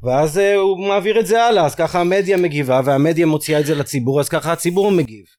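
A man co-hosting a sports podcast, talking in a reflective, halting way with many fillers. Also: on the high side, a little mellow. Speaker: podcast co-host. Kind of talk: casual sports talk.

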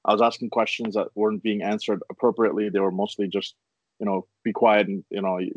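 A man from Afghanistan with a lowish voice leads a relaxed conversation. He speaks with curiosity and keeps restarting his sentences as he thinks. The sound is dry and close. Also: fast, dry recording, lo-fi sound. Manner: curious, thoughtful, with frequent restarts. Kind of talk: casual conversation.

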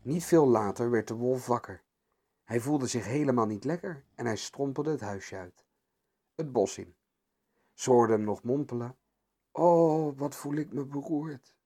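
A man reading a children's fairy tale aloud as narrator, with expressive storytelling. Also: mid-range voice, normal speed, slightly rough.

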